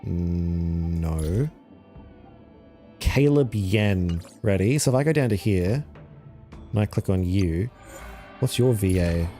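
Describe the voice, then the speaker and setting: Excitable swearing male game streamer. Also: low-pitched, slow pace, pauses often. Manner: excitable, swears a lot, thinks aloud. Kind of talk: casual live-stream commentary. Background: faint game music.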